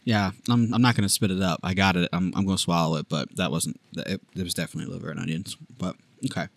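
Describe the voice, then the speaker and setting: A man co-hosting a podcast, bantering casually through a horror trivia game, cursing and mocking himself with loud laughter. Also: sits low, fairly even intonation, fast, vocal fry, dry recording. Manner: swearing, self-mocking, laughs loudly. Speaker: podcast co-host.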